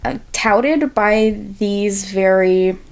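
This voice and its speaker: A woman's voice: medium pitch, drawn-out words, darkish tone, smooth. A woman guest on a podcast, chatting casually, often laughing and making sarcastic asides. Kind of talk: casual chat.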